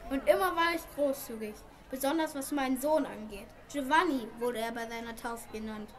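In an amateur radio play, a woman takes the role of a rich merchant father, declaiming in a very high, proud, emphatic voice as though deeply wronged. She keeps a moderate pace, and the voice stays close to how she'd normally speak.

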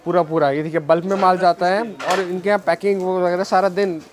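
A man's voice: sits high, flat delivery, fairly quick. A man giving a walking tour of a market shop on a handheld phone camera, often repeating words as he points things out. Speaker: vlogger. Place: busy city market street and shop at night. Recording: street noise behind.

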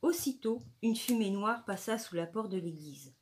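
A woman reading a novel aloud in a steady, clear storytelling manner. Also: mid-range voice, moderate pace. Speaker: audiobook reader.

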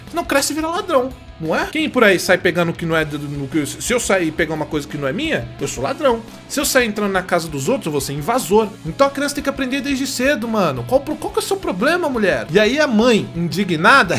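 A young Brazilian host with a Brazilian Portuguese accent rants indignantly and swears as he reads a story aloud, acting out its quotes. His voice is high-pitched and a bit bright.

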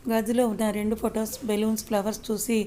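Woman reading a story in a flat tone. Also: medium pitch, fast, a little hiss or hum. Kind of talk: audio story narration.

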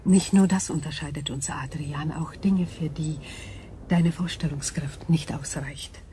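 A woman voices an ancient alien cosmic intelligence for a sci-fi radio drama, speaking in a low register with a solemn, wistful feel. Her delivery is measured and detached, calm, analytical, and formal, with a little hiss or hum.

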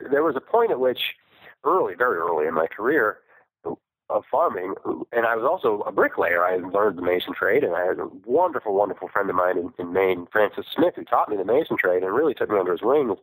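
Male farmer guest on a flip phone call, dry husky line, animated rambling delivery. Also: fairly low pitch, no room sound. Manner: rambling, self-correcting, laughs often. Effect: talking over a flip phone call. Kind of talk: casual interview chat.

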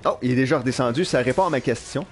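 A young man with a Quebec French accent giving live gameplay commentary in an animated, self-mocking way, swearing casually. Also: mid-range voice, very fast, soft background music. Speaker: live streamer. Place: at work.

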